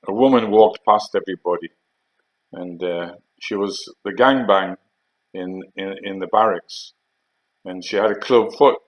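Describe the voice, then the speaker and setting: An older man with a low voice and a Geordie accent recounts his army days in casual, meandering anecdotes. The Northeast England veteran speaks without hurry, hesitant and filler-heavy, and the audio is dull.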